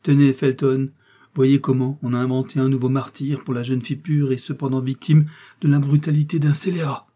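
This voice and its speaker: A man's voice: mid-range voice, steady tone, normal speed, dark tone, breathy edge, close to an everyday voice. A man voicing a cunning, seductive noblewoman in an audiobook, declaiming with theatrical passion. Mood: indignant. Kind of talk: audiobook character reading.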